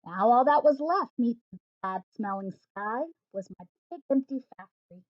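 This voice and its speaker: A woman's voice: a little high, moderate pace, no room sound. Woman reading a rhyming storybook aloud. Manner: animated, rhythmic rhyming delivery. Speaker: mother reading a picture book aloud. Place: at home. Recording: dull, dry home recording.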